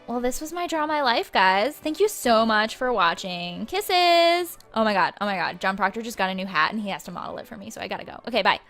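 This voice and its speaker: A woman's voice: on the high side, animated, fairly quick, few pauses, fairly bright tone, faint music behind. A young woman playing a bubbly, slangy female ghost who vlogs her afterlife in a breezy, flippant valley-girl manner for a comedy web series. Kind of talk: comic vlog monologue.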